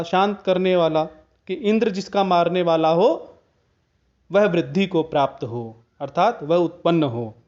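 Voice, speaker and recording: A man lectures on Hindi grammar in a high voice, taking each point slowly and carefully. He stops now and then to chant a Sanskrit phrase in an old recitation style. The sound is somewhat dull and lo-fi. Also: a little mellow. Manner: slow, deliberate explanation with chanted Sanskrit examples. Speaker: Hindi teacher.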